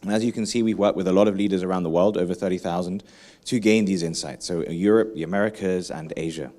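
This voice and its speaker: Energetic keynote speaker. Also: male voice, deep voice, fast. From England. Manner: lively, engaging, asks the audience questions, frequent "right?".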